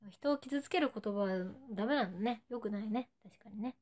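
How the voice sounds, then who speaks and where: A woman's voice: fairly high pitch, fairly quick, a little mellow. A playful young woman with a Nagoya accent, chatting on a live stream and saying short cutesy phrases that fans ask for. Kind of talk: casual live stream chat.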